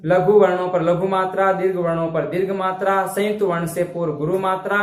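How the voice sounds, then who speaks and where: A man's voice: high voice, level tone, a little fast. Man teaching from across an echoey room. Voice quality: explains step by step, often asks if it's understood. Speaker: Hindi teacher. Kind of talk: classroom-style lesson. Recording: echoey room, distant mic, faint noise.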